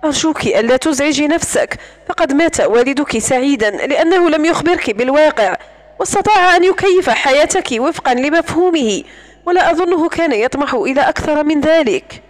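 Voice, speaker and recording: A woman's voice: high voice, expressive, fairly quick. A woman voicing a composed man handling family affairs, serious and businesslike. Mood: earnest.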